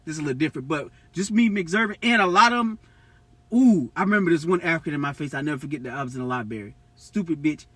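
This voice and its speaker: A young American man talks fast and heatedly, his voice high and bright with a husky edge. He is loud and profane and keeps jumping up in pitch. The sound is dry and a little distant from the mic. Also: no echo. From United States. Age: young adult. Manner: loud, animated and profane, with sudden high outbursts. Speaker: podcast co-host. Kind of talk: heated casual podcast talk.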